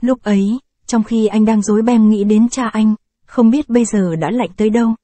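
A woman reads a short story aloud in a calm, measured storytelling manner. Her voice is mellow and dark in tone, recorded close and dry with no room sound. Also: fairly high pitch, no room sound. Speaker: audiobook narrator. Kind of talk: scripted short story reading.

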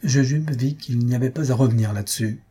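A man narrating an audiobook in a measured, even storytelling manner. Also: medium pitch, slightly rough. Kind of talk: audiobook reading.

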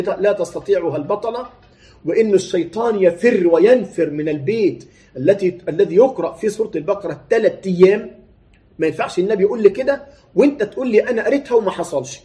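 An Egyptian preacher delivers a sermon at a quick clip, his voice mellow and sitting a bit higher than most men's. He slides from formal recitation into plain colloquial talk and keeps firing rhetorical questions at his listeners. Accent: Egyptian Arabic.

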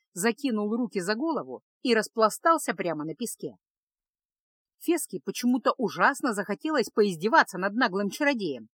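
A woman reading a fantasy story aloud as narrator in an even storytelling manner. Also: mid-range voice, no room sound. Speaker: audiobook narrator. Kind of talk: scripted narration.

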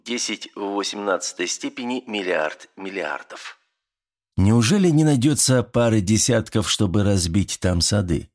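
Man, audiobook narrator, low voice, calm, even, scripted narration. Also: a little slow.

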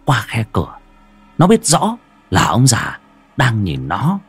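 A man narrating a horror story with dramatic, suspenseful pacing and sharp rises and drops. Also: fairly low pitch, wildly swooping pitch, slow, vocal fry, breathy edge, faint music behind.

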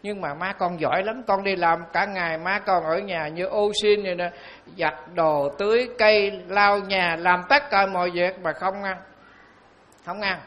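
Monk telling stories. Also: male voice, high-pitched, steady tone, lo-fi sound. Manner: storytelling, slow and emphatic on key phrases. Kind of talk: sermon.

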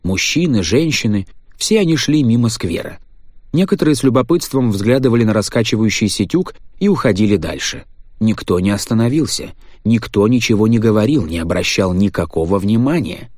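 A man reading a story aloud in a measured, tense narrating voice. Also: fairly low pitch, expressive, a little mellow, dry recording, clean studio sound. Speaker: audiobook narrator. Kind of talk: scripted narration.

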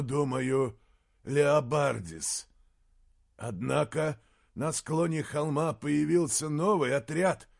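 A jittery male adviser in an audiobook, his voice raised higher and held back, slow and halting as he reports on a lost battle, put on by the male reader. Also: creaky, darkish tone, exaggerated voice.

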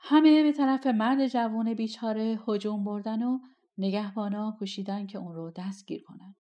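Female audiobook narrator, colloquial and expressive, mid pitch. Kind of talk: storytelling narration.

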